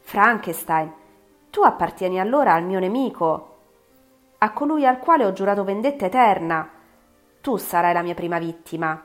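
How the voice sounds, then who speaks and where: A woman voicing a lonely, vengeful male creature in an audiobook, speaking in a grim, forceful way. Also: on the low side, normal speed, faint music behind, close to an everyday voice. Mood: menacing.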